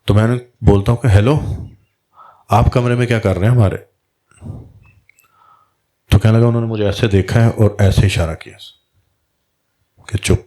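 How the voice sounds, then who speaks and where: A man's voice: on the low side, steady tone, long pauses, mellow. A man, a Sufi spiritual guide, telling a story in a religious talk and acting out the dialogue in quoted voices.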